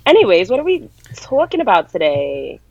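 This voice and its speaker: A woman's voice: mid-range voice, wildly swooping pitch, normal speed, creaky, a little mellow, slightly rough, dry recording, dull audio. A woman chatting casually as a podcast co-host, slangy and playfully argumentative, speaking while sick. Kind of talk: casual chat.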